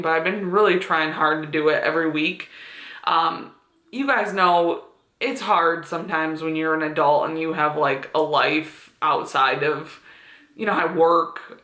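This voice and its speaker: A woman's voice: sits low, sharp tone. Chatty young woman in an echoey room. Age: 20s. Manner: chatty, with frequent fillers and laughs. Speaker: beauty vlogger. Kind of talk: casual chat to camera. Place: room at home.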